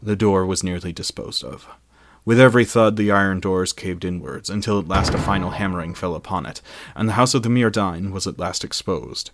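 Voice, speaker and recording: A man's voice: low-pitched, brisk, background noise. A man narrating a fantasy story in a solemn, dramatic scripted reading. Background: faint music.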